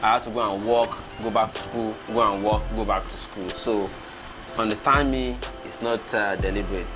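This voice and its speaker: A man's voice: lowish voice, fairly even intonation, moderate pace, music in the background. A Nigerian man in his thirties, hosting a casual livestream and reading out viewer comments, chuckling and reacting as he goes. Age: 30s.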